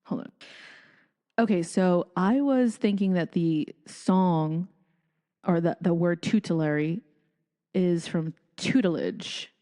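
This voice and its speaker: A woman's voice: fairly low pitch, slow, warm tone, long reverb tail. A woman hosting a casual solo podcast, chatting and thinking aloud as she reads passages from a book. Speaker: podcast host.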